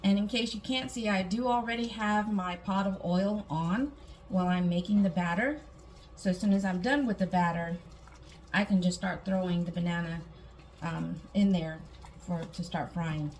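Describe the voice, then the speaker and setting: A woman's voice: on the low side, normal speed, a little mellow. A woman from Guam, hosting a casual home cooking demonstration and chatting through each step with small asides. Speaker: home cooking video host. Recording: clear background noise, room ambience.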